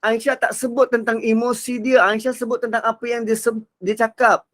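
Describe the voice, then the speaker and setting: Expressive male religious teacher. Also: very high-pitched, moderate pace. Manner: expressive, acts out quotes, shifts between soft and loud. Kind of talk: Quran reflection lecture.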